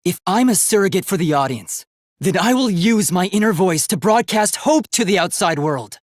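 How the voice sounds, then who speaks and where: Playing the same idealistic young robot from a dramatic game, the actor turns fierce and defiant, his high, light, slightly husky voice formal and emphatic. The intonation is lively, the pace moderate, and the studio-quality recording has no echo.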